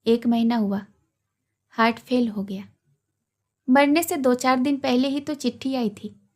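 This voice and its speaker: A woman's voice: fairly high pitch, lively intonation, a little slow. A woman voicing a grieving, tearful young woman. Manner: soft, broken with sorrow.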